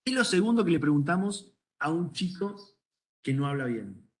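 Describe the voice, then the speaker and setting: Man, Rioplatense accent, doctor teaching a class, conversational, asks questions, slightly high voice. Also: very animated, normal speed. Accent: Rioplatense Spanish. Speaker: ENT doctor teaching medical students. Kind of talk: lecture with questions to students.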